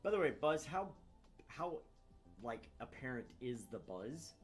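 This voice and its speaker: This man's voice is medium in pitch with big swings up and down, and he speaks a bit slowly. He hosts a gaming channel, joking, cursing casually, and reading visual novel text aloud. Recorded on a shared open microphone in an unsoundproofed home room, the clip carries room noise and background music.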